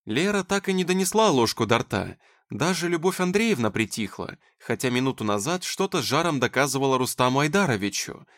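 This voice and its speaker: A man's voice: medium pitch, very animated, brisk, few pauses, a bit bright. A man narrating an audiobook expressively.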